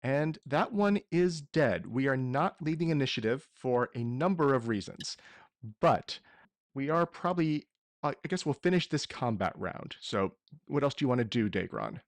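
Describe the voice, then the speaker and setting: Male game master for a tabletop session, mid-range pitch, very dry recording. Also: lively intonation, normal speed, no echo. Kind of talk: running a tabletop roleplaying game.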